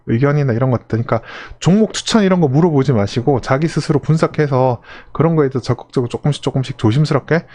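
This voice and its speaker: A man's voice: medium pitch, darkish tone. A man hosting a live stream, answering a viewer's question in a loose, rambling way that keeps circling back to restart phrases. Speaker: investing channel host.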